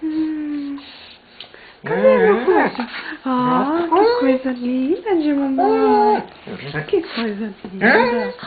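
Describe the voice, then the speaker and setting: A woman, cooing in soft baby talk to her pet at home in a home video. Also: high voice, very animated, drawn-out words, over a noisy crowd. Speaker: pet owner. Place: home indoors. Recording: tinny, noisy home recording.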